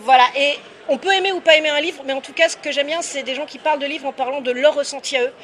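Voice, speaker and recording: There's slight background noise as a fast-talking, high-pitched young adult woman responds to interview questions as a guest author. Her manner is casual, lively and candid, full of hesitations.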